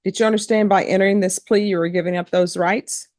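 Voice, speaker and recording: A woman's voice: mid-range voice, fairly even intonation, fast talker, a little mellow, no echo, clean studio sound. A woman judge questioning people formally and procedurally in a courtroom. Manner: procedural, spells out names. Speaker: judge presiding over a court hearing.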